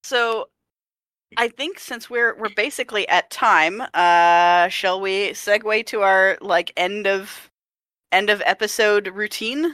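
A woman's voice: medium pitch, slow, a bit bright, clear, resonant tone, dry recording, clean studio sound. A woman hosting a game podcast, chatting casually and laughing easily. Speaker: podcast host.

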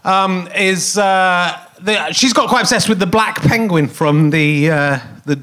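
A middle-aged man with a snotty cold hosts a comic live podcast from a theatre stage, his voice sitting high with a sharp tone and an unhurried pace. He rambles and mocks himself, filling his talk with lots of fillers.

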